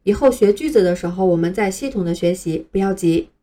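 Female teacher for a beginner pronunciation lesson. Mellow, even delivery, patient, reads new words slowly and spells them out. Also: mid-range voice. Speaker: English teacher.

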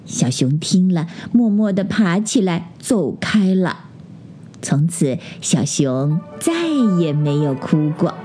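A woman hosting a children's story program, telling a bedtime story in a gentle, sing-song way. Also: lowish voice, slow pace, faint music behind.

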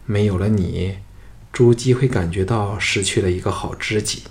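A man reading the lines of a scheming, vengeful young noblewoman in a soft, subdued voice. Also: on the low side, moderate pace, creaky.

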